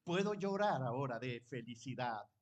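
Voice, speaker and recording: A man preaching a sermon, fervent, switching between loud exclamations and quiet personal storytelling. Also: mid-range voice, animated, normal speed. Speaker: pastor.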